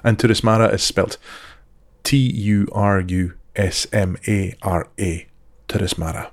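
A man hosting an interview podcast, reading a measured scripted introduction and asking questions. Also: lowish voice, fairly even intonation. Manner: measured, reads sponsor details slowly and clearly. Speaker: podcast host.

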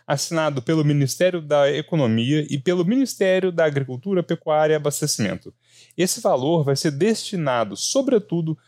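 A man co-hosting a news podcast, reading scripted news with relaxed, chatty asides to listeners. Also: fairly high pitch, no echo, studio quality.

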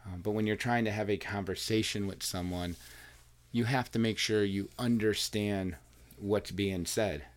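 This podcast host, also a coach, has a lowish voice with fairly even intonation and a moderate pace. He chats casually with his wife in a home recording room, earnest but rambling and full of restarts, his mic running into recording software.

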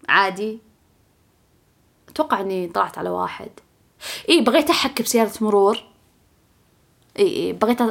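A young woman telling a story on her podcast in a casual, animated, self-mocking way, often laughing. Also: medium pitch, vocal fry. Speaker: podcast host.

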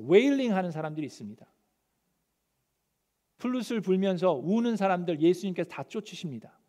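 A male pastor preaching a sermon, animated and acting out the scripture quotes. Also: high voice. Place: church sanctuary. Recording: long church hall reverb.

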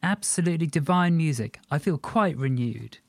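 A man's voice: a little high, animated, normal speed, creaky, dry recording, pitched above the performer's own voice. A man voicing a cooing, gushing posh woman in an audiobook.

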